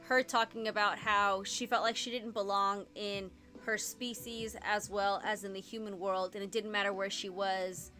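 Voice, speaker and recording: Streaming a casual reading sprint from her home computer, a woman from Puerto Rico talks fast and rambles, filling her speech with "like." Her mid-range voice has a pushed, bright quality.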